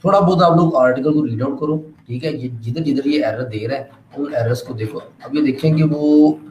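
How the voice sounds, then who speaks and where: A man's voice: mid-range voice, normal speed, darkish tone, lo-fi sound. Male student, echoey noisy room. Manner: mixes English readouts into his talk, addresses the teacher as sir. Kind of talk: showing work in class. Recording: echoey room, clear background noise.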